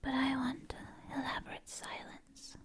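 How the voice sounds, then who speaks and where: A woman whispers gently right into the listener's ear in an ASMR poetry reading, close on the mic, slowly and with long pauses. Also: high-pitched, completely flat delivery. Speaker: ASMR content creator.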